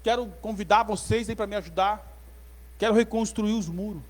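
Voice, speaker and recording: A preacher acting as an eager humble servant. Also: male voice, high-pitched, natural voice. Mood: earnest. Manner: pleading, listing requests rapidly. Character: eager humble male servant making requests.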